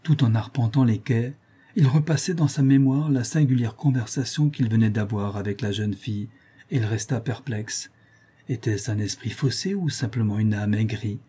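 A man narrating a classic novel as an audiobook, reading the dialogue in a measured, even way. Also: mid-range voice, breathy edge.

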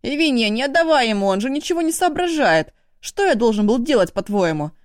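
A woman voicing a cocky, mischievous young man in an audiobook, shrill and fast-talking when cornered. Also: very animated, no echo, studio quality. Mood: shrill protest.

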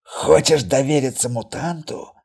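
A man voicing a coarse, jeering male healer in an audiobook, loud and hostile in his delivery. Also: mid-range voice, measured pace, vocal fry, breathy edge, voice pushed up. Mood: angry.

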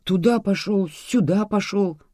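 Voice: mid-range voice, a little slow, mellow, no room sound, pitched above the performer's own voice, natural voice. Reader doing a lost fatherly old guy, pleading and confused, very dry close sound. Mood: bewildered. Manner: bewildered, pleading, raises voice in exclamations. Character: confused fatherly older man traveler.

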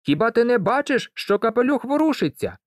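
A reader voicing an eager, curious farm boy in a storybook, excited and insistent. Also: medium pitch, normal speed, no echo, clean studio sound, voice pushed up, natural voice.

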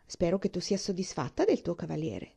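A woman's voice: on the low side, big pitch swings, brisk, creaky, mellow, husky, exaggerated voice. A woman doing a proud, chatty older mother. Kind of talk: audiobook reading.

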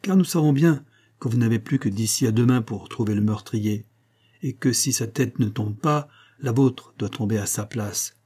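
Guy reading as an old woman spilling a secret, eager and hushed-sounding, husky low-key voice. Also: normal speed, lightly acted. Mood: confiding.

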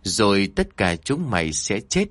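A man voicing a gluttonous evil spirit that possesses a pregnant woman, speaking in a deep gruff voice, slow and spiteful. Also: very animated, fairly bright tone, dry recording, exaggerated voice. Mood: menacing.

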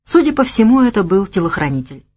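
The clip features a woman narrating an audiobook from a script. Her voice is mid-range, and she reads in a measured, expressive manner.

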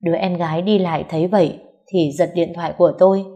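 A woman narrating a first-person story in a soft, sorrowful reading voice. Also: on the low side, fairly even intonation, fast. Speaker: audiobook narrator.

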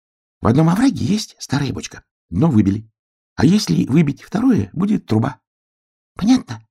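A man doing a shrill, bossy little squirrel. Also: big pitch swings, moderate pace, gravelly, mellow, husky, full character voice. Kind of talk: storybook reading.

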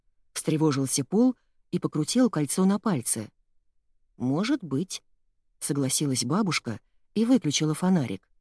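Female storybook narrator, low mellow voice, calm, dry close read. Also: moderate pace, slightly rough, dry recording. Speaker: audiobook narrator.

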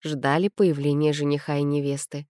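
A woman narrating an audiobook in an even storytelling manner. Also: deep voice, normal speed, no room sound, studio quality.

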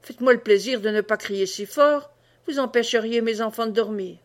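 A woman's voice: fairly high pitch, moderate pace, close to an everyday voice. A woman doing a scolding peasant mother. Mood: scornful. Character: sharp-tongued peasant mother, scornful.

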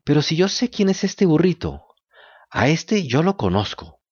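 A man's voice: big pitch swings, measured pace, slightly rough, lo-fi sound, exaggerated voice. A man voicing an eager wooden puppet boy who pleads and gets tearful, in a storybook reading. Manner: high, bright and pleading.

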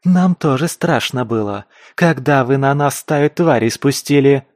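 A man's voice: medium pitch, a little slow, darkish tone, dry recording, clean studio sound, pitched above the performer's own voice, close to an everyday voice. A man voicing a fierce, crude female mutant fighter who snarls threats in street slang. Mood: menacing.

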